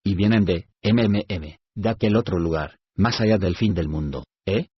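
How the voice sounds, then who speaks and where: Cranky deaf old dwarf lord, gruff and low, keeps asking "eh?", done by a male narrator, husky, dull lo-fi. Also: normal speed, no echo. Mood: gruff welcome. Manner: gruff, mishears everything, asks "eh?".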